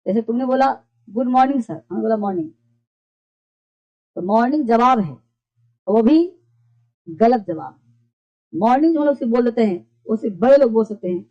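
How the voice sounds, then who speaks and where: Woman teacher going over basics with the class, keeps checking "got it?", slightly high voice, muffled recording. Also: animated, moderate pace, pauses often. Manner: patient, repeats and quizzes students. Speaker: English teacher. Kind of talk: classroom lesson explaining English phrases.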